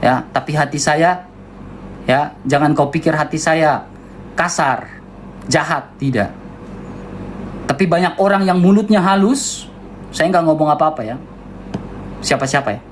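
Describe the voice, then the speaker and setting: A man with an eastern Indonesian accent delivering a heated livestream rant in a loud, high-toned, insistent way. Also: moderate pace, pauses often, slight background noise. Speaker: debater on a livestream.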